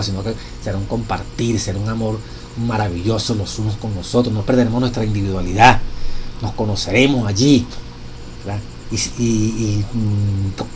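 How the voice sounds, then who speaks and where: A man's voice: on the low side, a little hiss or hum, low-quality recording. A man teaching a Bible study lesson, earnest, reading quotations with emphasis and closing with blessings for his listeners. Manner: warm pastoral blessings to listeners. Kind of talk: Sabbath school lesson study.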